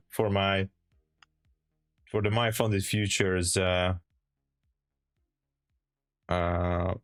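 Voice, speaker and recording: A young man with a Hungarian accent chats with viewers during a live trading stream. His voice sits low, and he takes his time between words. The sound is dry and close, with soft music behind him. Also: steady tone, drawn-out words, pauses often, no room sound. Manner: chatty, laughing, frequent restarts while reading chat. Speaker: live-stream day trader. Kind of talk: casual live-stream chat answering viewers. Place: home trading room. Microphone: headset.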